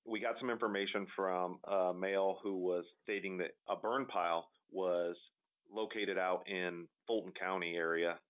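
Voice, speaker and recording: Low, flat-voiced male detective, muffled audio. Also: moderate pace. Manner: guarded, official, hedging. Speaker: police detective being interviewed. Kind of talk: unscripted interview answers. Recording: muffled, band-limited interview audio.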